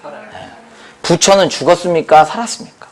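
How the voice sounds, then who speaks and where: A man, a pastor, preaching a lively sermon that jumps from shouts to near whispers and acts out the voices of the people in his story. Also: on the high side, moderate pace. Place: prayer retreat hall.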